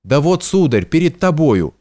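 A man voicing an old, kindly house steward who speaks in a homely folksy way, slow and soothing, in an audiobook. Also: on the high side, big pitch swings, mellow. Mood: fretting. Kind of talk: audiobook character reading.

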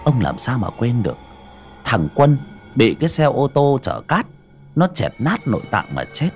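A man's voice: big pitch swings, normal speed, a little mellow, soft background music. A man narrating a horror audiobook with dramatic, suspenseful delivery. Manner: dramatic, swinging pitch for suspense. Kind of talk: scripted horror story narration.

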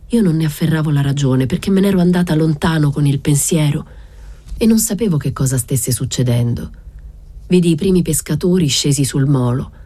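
A woman reading a literary novel aloud in a calm, measured way. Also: low-pitched, husky, no room sound. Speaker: reader.

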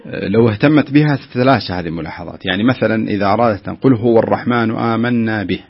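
A man's voice: fairly low pitch, very fast, slightly rough, highs cut off. A man who teaches Quran recitation, patiently correcting callers and sounding out letters syllable by syllable.

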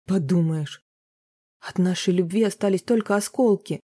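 A reader voicing a jealous, domineering husband in an audiobook, scornful and shouting. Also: medium pitch, moderate pace, lightly acted. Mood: angry. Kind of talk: audiobook character reading.

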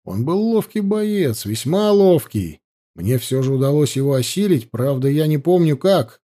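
Brief: male reader as a measured, cold werewolf chief, dark-toned and guarded. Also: fairly high pitch, big pitch swings.

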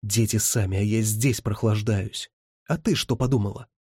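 A rattled, defensive, worn-out man muttering in a hurry, as the male reader voices him. His voice is low and husky and dry up close. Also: fairly even intonation, dark tone, no echo. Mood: flustered. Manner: fast, flustered muttering.

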